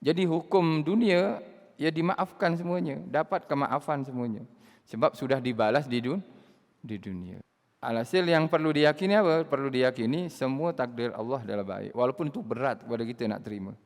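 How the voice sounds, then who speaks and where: A man's voice: a little high, animated, moderate pace, big-room sound. Chatty male religious teacher. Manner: conversational, laughing, acting out quoted speakers. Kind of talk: Islamic study circle lecture.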